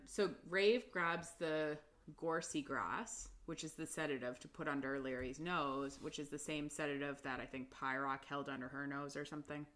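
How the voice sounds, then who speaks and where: A woman with a low-sitting, fairly bright voice co-hosts a casual book podcast. She retells chapters chattily, laughing often and filling her speech with lots of "like" and "um."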